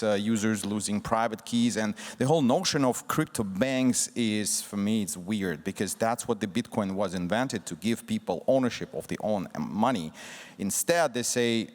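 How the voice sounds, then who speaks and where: A man on a conference panel, speaking directly and explaining things plainly. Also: on the low side. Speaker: panelist, fintech executive. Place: large conference hall. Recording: long reverb of a conference hall.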